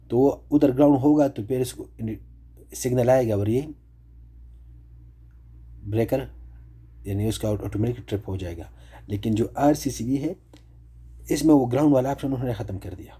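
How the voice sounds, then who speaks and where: Dark husky man explaining circuit breakers. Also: medium pitch. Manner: explains step by step, asking and answering his own questions. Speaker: electrical tutorial presenter. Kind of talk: explaining electrical concepts.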